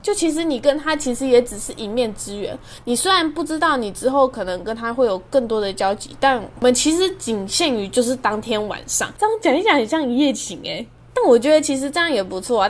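Young woman rambling through a story, laughing at herself, kinda high voice. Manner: chatty, self-amused, laughs at herself. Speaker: podcast host. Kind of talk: casual storytelling monologue.

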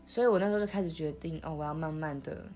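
A young woman, recalling her past in a soft, halting way, with many restarts, as she hosts a podcast. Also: sits low, over music. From Taiwan. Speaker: podcast host. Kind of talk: intimate conversational storytelling.

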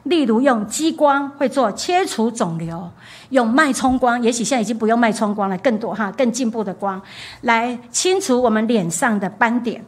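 A woman's voice: fairly high pitch, normal speed. Woman preaching a storytelling sermon. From Taiwan. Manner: storytelling, repeats phrases for emphasis, frequent "ha" tag. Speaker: pastor's wife preaching.

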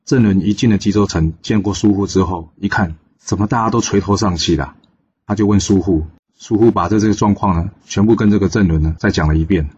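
A man's voice: sits low, a little fast, a little mellow, husky, lo-fi sound. A man telling a classic tale in a casual, chatty storytelling manner with many fillers. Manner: chatty, filler-heavy narration.

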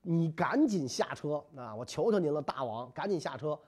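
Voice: medium pitch, lively intonation, normal speed, darkish tone, slightly rough, pitched below the performer's own voice. A storyteller voicing a loyal, anxious court minister urgently begging his master in a history podcast. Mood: urgent pleading. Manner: urgent, pleading.

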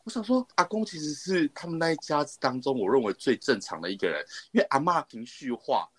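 A man in his thirties with a Taiwanese accent, chatting casually and telling personal stories in an animated, self-mocking way. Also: medium pitch, a little fast, slightly rough. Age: 30s. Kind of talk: casual chat, personal storytelling.

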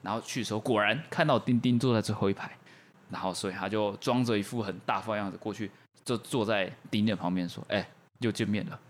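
A man's voice: lowish voice, a little hiss or hum. A young man, co-hosting a podcast and joking his way through an improvised story. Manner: quick, joking narration. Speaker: podcast co-host.

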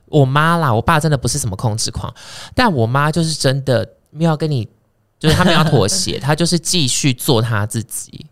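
A man in his thirties from Taiwan, hosting a casual chat podcast and telling stories in an animated way. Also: fairly high pitch. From Kaohsiung, Taiwan. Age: 30s. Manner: animated, quick storyteller. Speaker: podcast host.

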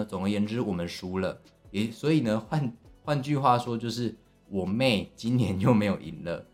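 A young man with a Taiwanese Mandarin accent, casually telling a long family story on his podcast, rambling with many fillers and restarts. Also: lowish voice. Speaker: podcast host.

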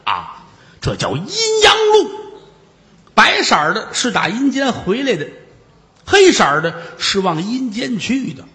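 A man voicing a gruff male ghost who hauls a prisoner off in chains, speaking curtly. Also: high voice, huge pitch swings, measured pace, pushed and bright, pitched above the performer's own voice, exaggerated voice. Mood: explaining. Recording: reverberant room.

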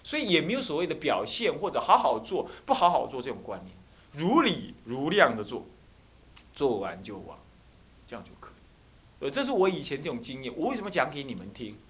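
A man, a Buddhist abbot giving a dharma class to monastic students and telling personal stories in an animated way. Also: fairly high pitch, brisk. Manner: animated storyteller who acts out dialogue.

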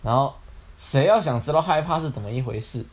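A man's voice: mid-range voice, expressive, fairly quick, slight background noise. A young man, telling a fairy tale in a loose, casual way and breaking off for joking, swearing asides. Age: young adult. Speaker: storyteller, podcast co-host. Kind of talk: casual bedtime storytelling with jokey asides.

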